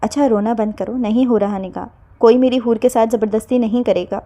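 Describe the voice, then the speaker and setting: A caring middle-aged aunt in an audio novel, coaxing and calm as she reasons gently, as the woman narrator puts her on. The voice is warm, mellow, and fairly high. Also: natural voice. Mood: soothing. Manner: soothing, patient, coaxing.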